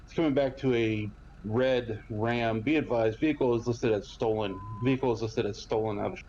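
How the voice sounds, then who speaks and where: A man playing a police dispatcher over the radio, reading out codes and plates in clipped, measured phrases. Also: mid-range voice, steady tone, darkish tone, muffled recording, a little hiss or hum. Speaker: police dispatcher in a roleplay game.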